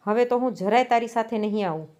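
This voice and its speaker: A headstrong young wife snaps her words out sharply, proud and quick to anger, as a woman narrator takes her part. The voice sits somewhat high. It is a storybook reading. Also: mellow, highs cut off, lightly acted. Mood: defiant.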